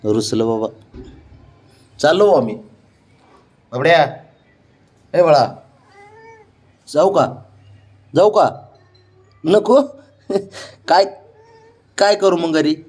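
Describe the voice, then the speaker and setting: A man's voice: a little high, expressive, takes it slowly, pauses often, darkish tone. Sing-song man coaxing his cat. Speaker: cat owner talking to his pet. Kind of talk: playful baby talk to a cat.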